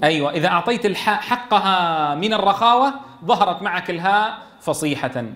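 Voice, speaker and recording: A man teaching a Quran recitation class, calling on students by name and reciting verses slowly. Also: high voice, expressive, a bit bright. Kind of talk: classroom tajweed lesson.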